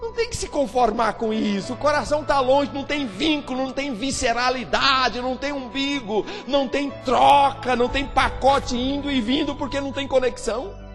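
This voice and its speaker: A man's voice: extremely high pitch, fairly even intonation, normal speed. A man with a Brazilian Portuguese accent preaching a sermon in a church, emphatic and repetitive, acting out the voices in the dialogue he quotes. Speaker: pastor. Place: church sanctuary. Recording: reverberant church hall with faint music.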